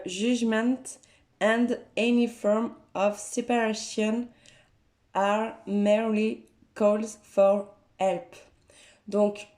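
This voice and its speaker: A woman speaking French gives a gentle, hesitant card-reading guidance, with many fillers. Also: a little high, reverberant. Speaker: tarot and oracle card reader.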